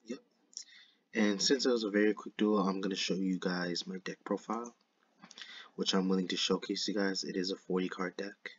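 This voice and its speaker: A man's voice: deep voice, steady tone, normal speed, slightly rough. A man with a lisp and slushy s sounds, giving casual commentary over a card game replay on a dull microphone.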